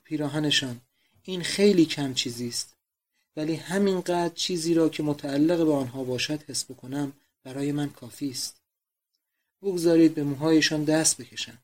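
A man's voice: a little high, lightly acted. A man voicing a dying old father, feverish. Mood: longing. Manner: pleading, feverish.

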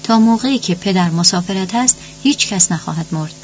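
A woman voicing a forceful, commanding husband in an audiobook. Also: medium pitch, animated, a little hiss or hum, lightly acted. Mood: firm. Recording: dull lo-fi audio.

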